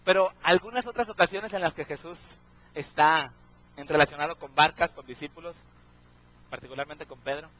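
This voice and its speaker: A man's voice: on the high side, moderate pace, a bit bright, highs cut off. A man preaching a sermon, often asking his congregation questions and checking in with them.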